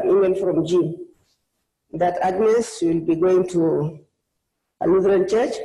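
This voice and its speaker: Warm woman preaching. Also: fairly low pitch, reverberant, poor audio. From South Sudan. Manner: earnest, personal testimony with frequent restarts. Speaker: guest preacher. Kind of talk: sermon. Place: church.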